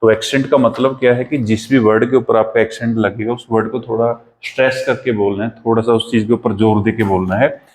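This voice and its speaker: A man teaching English vocabulary in a classroom-lesson style, with an Indian accent, repeating each word slowly for pronunciation drills. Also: medium pitch, steady tone, darkish tone, poor audio.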